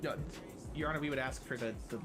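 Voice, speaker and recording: Man playing a quick-talking, formal defense attorney, music behind. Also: medium pitch, fairly even intonation, natural voice. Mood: formal, courteous. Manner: formal, courteous. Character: courteous male defense attorney addressing a judge. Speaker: role-player. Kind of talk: improvised courtroom role-play.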